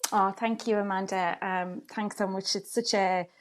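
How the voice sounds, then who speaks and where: A woman's voice: medium pitch, fairly even intonation, moderate pace, slight background noise. A woman with an Irish accent telling her own story conversationally as a podcast guest, with hesitant starts. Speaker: podcast guest, parent advocate. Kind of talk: casual personal storytelling in conversation.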